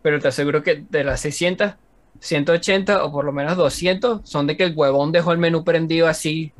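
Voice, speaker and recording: A man's voice: a little high, steady tone, fairly quick. A young man with a Venezuelan accent, co-hosting a casual podcast chat and rambling through a list of his games. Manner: rambling, listing game hours with laughs. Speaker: podcast co-host.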